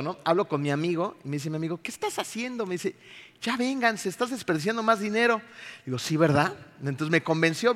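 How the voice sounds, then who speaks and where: Man, middle-aged, Mexican accent, pastor, sermon storytelling, animated, bright forceful voice, church hall echo. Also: on the high side. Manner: animated storyteller, acts out his own outbursts.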